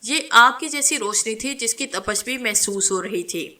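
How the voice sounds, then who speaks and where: A woman narrating a horror novel in a steady, dramatic reading style. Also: fairly high pitch. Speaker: storyteller.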